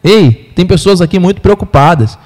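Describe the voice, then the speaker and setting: A man with a Brazilian Portuguese accent preaching a sermon, telling a story with animated voices for the people in it. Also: high-pitched, moderate pace. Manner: animated storyteller, acts out quotes. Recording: long hall reverb.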